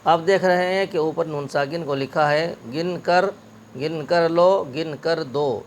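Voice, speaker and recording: A man teaching a spelling lesson, with a gravelly, fairly high voice. He drills words slowly, letter by letter. A faint hiss runs under the recording. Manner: slow, syllable-by-syllable spelling drills.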